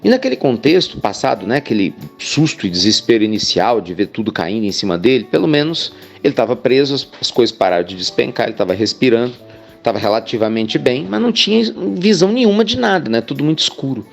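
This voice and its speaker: A man's voice: mid-range voice, big pitch swings, fast talker, creaky, faint music behind. A man, a spiritual speaker telling an inspirational story in a chatty way. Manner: chatty, addresses listeners as "gente" with frequent "né".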